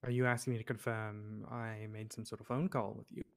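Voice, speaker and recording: A woman speaking through a voice changer that shifts her voice down to a deep pitch, answering questions in character with a cool, evasive, slightly taunting manner. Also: level tone, a little fast. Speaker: suspect being questioned in roleplay. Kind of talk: in-character roleplay dialogue.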